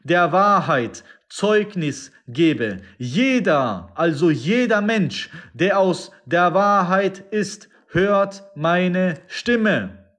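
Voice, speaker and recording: A man reading the words of a calm teacher who declares himself a king, slowly and solemnly. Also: sits high, pitched above the performer's own voice, full character voice.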